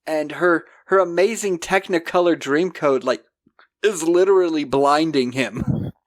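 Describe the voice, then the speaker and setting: A man hosting a podcast, recapping a film in a casual, animated, jokey way. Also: fairly high pitch, unhurried. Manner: animated storyteller, jokey, acting out scenes. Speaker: podcast host.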